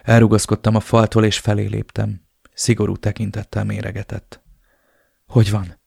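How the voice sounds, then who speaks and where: Male audiobook narrator, first-person, subdued and measured, gravelly tone, dry close sound. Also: lowish voice, completely flat delivery, a little mellow, no room sound.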